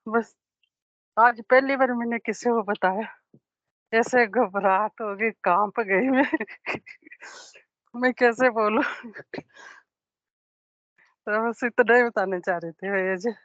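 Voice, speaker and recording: A woman's voice: a little high, measured pace, a bit bright, dry recording, dull audio. A middle-aged woman on a video call giving an earnest personal testimony and retelling events with quoted dialogue. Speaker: devotee sharing an experience. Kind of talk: personal testimony in an online satsang.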